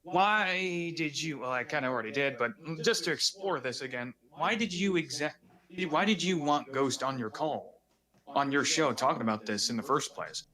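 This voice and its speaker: A man's voice: mid-range voice, moderate pace, crowd noise. A man on a livestream patiently steering an argument back on track, with a lot of "like"s. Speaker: guest mediating a dispute. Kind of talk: livestream discussion.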